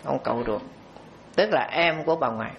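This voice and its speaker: A man's voice: medium pitch, brisk, creaky, noisy background. A man, a Buddhist monk giving a storytelling dharma talk, speaking conversationally and addressing the audience directly. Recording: dull lo-fi recording.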